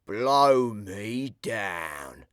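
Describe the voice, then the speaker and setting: A man voicing a soft-hearted male burglar with rough slang, drawing out his words slowly. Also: lowish voice, sing-song, dry recording, clean studio sound, full character voice. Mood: startled. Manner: slow, drawn-out delivery.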